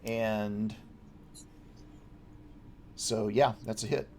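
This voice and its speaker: A man's voice: lowish voice, fairly even intonation, drawn-out words, a little mellow. A man acting as game master, running a tabletop role-playing game.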